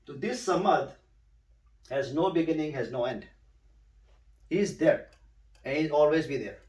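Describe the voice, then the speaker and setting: A man's voice: fairly high pitch, darkish tone, far from the mic. Patient male tutor, echoey and off-mic. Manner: patient, repeats words slowly for a student to echo. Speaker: Quran recitation teacher. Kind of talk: one-on-one tutoring. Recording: roomy, a bit off-mic.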